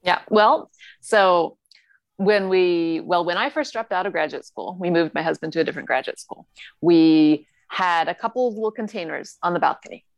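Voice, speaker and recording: A woman in her forties from Northern California, a guest chatting casually in an interview, self-deprecating and quick to laugh. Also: fairly low pitch, no room sound. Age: 40s. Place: home with the lights off.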